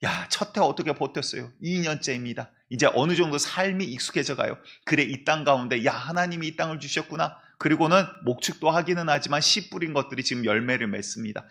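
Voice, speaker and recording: A man's voice: a little high, a little fast, vocal fry, hardly any pauses, sharp tone. A man, a senior pastor, preaching a sermon and acting out the voices of biblical figures as he tells the stories. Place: church sanctuary.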